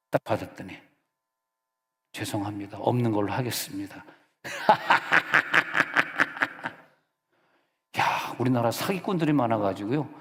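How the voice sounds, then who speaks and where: A middle-aged man, a senior pastor, preaching a sermon in a church sanctuary and telling personal stories in a relaxed, conversational way. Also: mid-range voice. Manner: conversational, storytelling with personal anecdotes. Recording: reverberant church hall.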